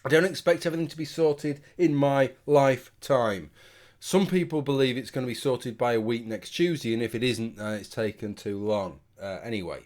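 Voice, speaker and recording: Tipsy british guy rambling off his opinions, casual vlog chat, swears a bit, medium pitched voice. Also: normal speed, darkish tone. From United Kingdom. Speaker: video commentator.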